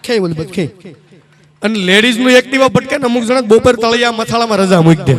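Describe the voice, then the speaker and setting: High-voiced stage comedian. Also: male voice, quick pace, fairly bright tone, faint music behind. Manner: jokey, chatty, addresses audience directly. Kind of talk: live comic storytelling. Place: live stage show.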